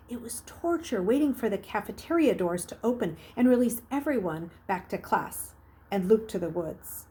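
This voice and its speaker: A woman with a fairly high voice reads a children's novel aloud as a storyteller. Her narration is expressive, swelling for emphasis and dropping to a hush on some phrases.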